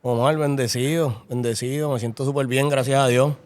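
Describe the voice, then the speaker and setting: A middle-aged Puerto Rican man speaking as an interview guest in a relaxed voice. His tone is clear and smooth at a middle pitch, and he tends to say things twice. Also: moderate pace, no echo. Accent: Puerto Rican Spanish. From Puerto Rico. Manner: repeats phrases, relaxed and thankful. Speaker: interview guest, horse breeder. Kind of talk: casual interview.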